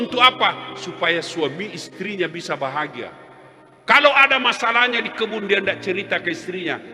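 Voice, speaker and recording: Comic preacher, male, lively storyteller who plays his characters; live hall sound with music underneath. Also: sits high. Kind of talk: humorous sermon.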